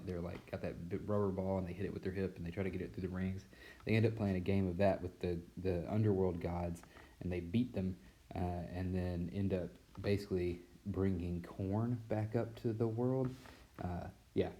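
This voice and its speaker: A man who teaches physics, giving a casual recorded mini-lesson in a relaxed, rambling way with many fillers. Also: deep voice. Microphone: tablet mic.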